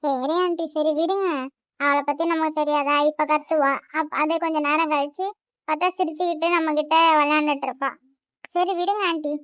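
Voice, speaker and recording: A woman's voice: sits high, fairly even intonation, normal speed, dry recording, highs cut off, natural voice. A woman voicing a sweet, polite young woman who is a guest in a cartoon, with a Tamil accent. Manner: polite and soothing.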